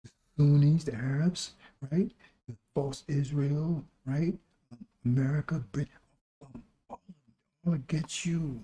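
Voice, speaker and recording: Hoarse, very muffled-toned male preacher. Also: fairly high pitch, measured pace, pauses often, mellow. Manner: exhorting, repetitive, with rhetorical questions. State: recovering voice. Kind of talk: sermon.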